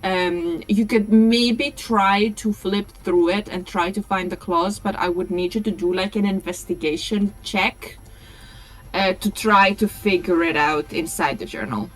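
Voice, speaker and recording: Slow, halting woman game master. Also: mid-range voice, steady tone, poor audio. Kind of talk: narrating a tabletop game.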